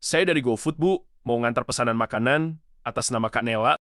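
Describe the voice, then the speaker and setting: A man voicing a polite young food delivery driver in an animated drama. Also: medium pitch, brisk, no room sound, clean studio sound, lightly acted. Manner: polite, matter-of-fact.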